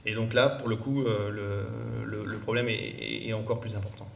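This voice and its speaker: A man directing an organisation answers conference questions in a hesitant way, with many fillers and restarts, clearing his throat because his voice gives him trouble. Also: on the low side, level tone, normal speed, slight background noise. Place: large conference room. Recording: echoey room, distant mic.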